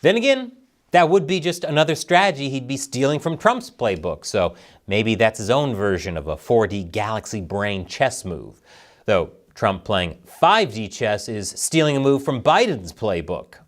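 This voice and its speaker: A man's voice: fairly low pitch, big pitch swings, moderate pace. A man hosting a satirical news show, delivering the headlines with sarcastic jokes.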